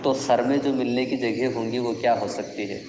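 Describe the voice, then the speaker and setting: Speaking at a medium pitch with fairly even intonation, a man teaches his class classical Arabic poetry in Urdu, explaining verses stepwise and quizzing the students. The background is noisy, and the classroom echoes with long reverb.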